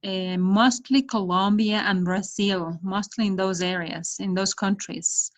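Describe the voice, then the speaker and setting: Guest, middle-aged woman from Ecuador, speaks over a webcam at home, mid-pitched, hesitant but steady. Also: unhurried. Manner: steady explanation with hesitant fillers and restarts, listing items. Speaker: guest, development project manager. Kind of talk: video call interview. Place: indoor room at home. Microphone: laptop webcam on video call.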